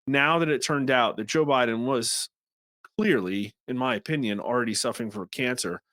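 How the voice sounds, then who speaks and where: A man's voice: mid-range voice, moderate pace, bright, forceful tone, no room sound, studio quality. A man hosting a political commentary show, talking through polling results in a conversational way with wry asides.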